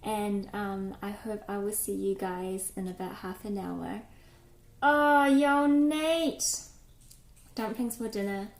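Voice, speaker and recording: A woman's voice: mid-range voice, slow pace, echoey room, rough recording. A woman live-streaming from her home kitchen, chatting casually and greeting viewers by name.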